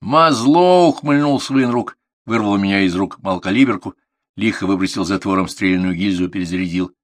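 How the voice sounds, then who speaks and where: A man calmly reading a literary story aloud as a narrator, in a measured storytelling manner. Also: deep voice, no echo, clean studio sound. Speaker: audiobook narrator.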